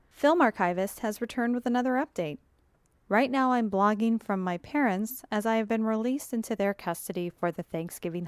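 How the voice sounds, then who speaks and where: Actress voicing a wry, sarcastic young woman blogger, smooth clear voice, dry close sound. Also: mid-range voice, dry recording, natural voice. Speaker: audiobook narrator voicing a blogger. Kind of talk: audiobook reading.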